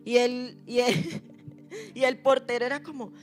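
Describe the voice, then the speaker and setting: Woman pastor, fairly high voice, lively storytelling sermon, soft music underneath. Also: a little slow. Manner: lively storyteller acting out her own quoted fears. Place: church.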